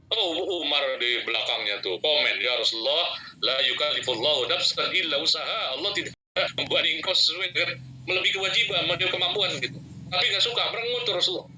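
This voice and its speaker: A man giving a casual sermon, telling stories lively and joking with his listeners. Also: on the high side, fast talker, lo-fi sound, a little hiss or hum. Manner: lively storyteller acting out voices, jokes with audience. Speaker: preacher.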